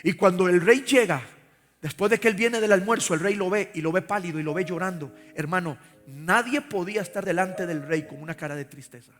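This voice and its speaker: A pastor from Costa Rica preaches live in a big church sanctuary, his high, slightly bright voice moving fairly quickly as he urges the congregation to say the words back. Reverb fills the hall, and faint music plays underneath.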